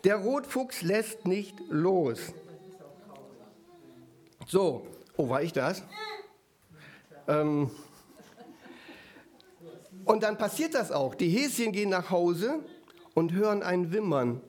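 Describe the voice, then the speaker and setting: A male preacher giving a sermon in a lively, conversational way, often turning to the audience with short asides and switching between quick and slow, emphatic phrasing. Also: high-pitched.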